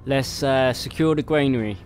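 A man's voice: mid-range voice, normal speed, slight background noise. Chatty man narrating his gameplay. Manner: chatty, laughing, muttering to himself. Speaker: gamer playing solo. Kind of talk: casual gameplay commentary. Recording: game music playing faintly behind. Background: faint game music.

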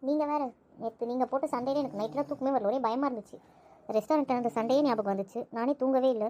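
A gossipy young woman who rattles on with complaints , as a woman acts her. Her voice is high and her speech is quick. It is an amateur audio drama. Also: dark tone, close to an everyday voice. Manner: gossipy, chatty.

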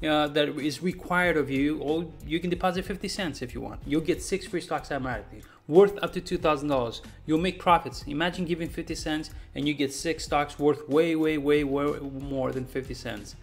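A man in his forties talking casually through a stock analysis, emphatic and repeating words for stress, recorded at his desk. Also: fairly high pitch. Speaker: stock market YouTuber. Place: small room indoors.

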